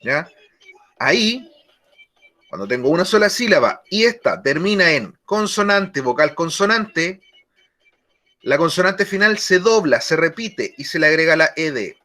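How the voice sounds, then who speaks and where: A male teacher explaining grammar rules slowly in a lesson, often repeating key words. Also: fairly high pitch, pushed and bright. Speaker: English teacher.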